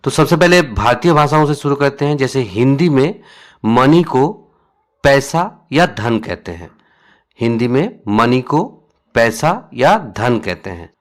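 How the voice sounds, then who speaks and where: Slow, patient male teacher repeating words. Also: medium pitch, big pitch swings. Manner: slow and repetitive, says each word several times. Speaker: educational video presenter. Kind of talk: explanatory lesson.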